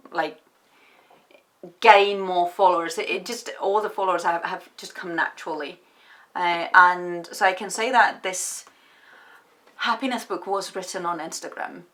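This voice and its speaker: A woman from Estonia, a writer answering interview questions in a reflective, hesitant way with many pauses and restarts. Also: fairly low pitch, bright, forceful tone.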